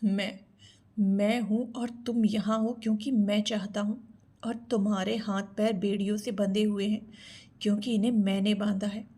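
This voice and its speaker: A woman voicing a cruel, threatening young man who holds a girl captive, in her own husky narrating voice. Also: mid-range voice, flat delivery, normal speed, dark tone, natural voice. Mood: cold. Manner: cold and threatening.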